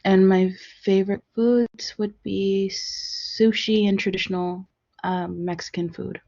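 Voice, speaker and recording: A young woman student introducing herself in an online class, relaxed and a little hesitant. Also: medium pitch, a little slow, vocal fry, no room sound. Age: young adult. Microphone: video call mic. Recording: dry muffled video call audio.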